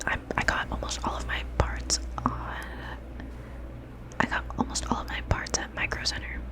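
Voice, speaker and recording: A young woman whispering casual, rambling, self-deprecating ASMR commentary as she plays a video game, with whistling s sounds. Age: young adult.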